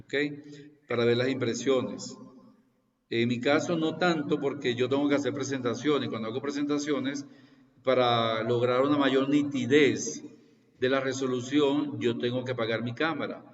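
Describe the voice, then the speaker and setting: A man's voice: medium pitch, fairly even intonation, moderate pace. Man in his sixties lecturing over a video call. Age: 60s. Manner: repetitive, explanatory, often checks with "¿Ok?". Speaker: university lecturer. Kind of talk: online class introduction. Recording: distant, roomy, dull video-call audio.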